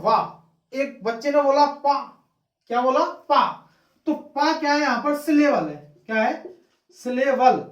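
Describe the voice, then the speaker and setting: A man teaching a class, who asks his own question and then repeats the key word as the answer. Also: very high-pitched. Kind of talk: classroom lecture. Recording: echoey room, distant mic.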